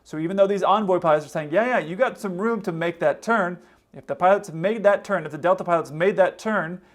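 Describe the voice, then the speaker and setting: A man's voice: high voice, brisk. A man hosting a casual explanatory commentary, conversational and acting out hypothetical quotes as he goes. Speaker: host, pilot commentator.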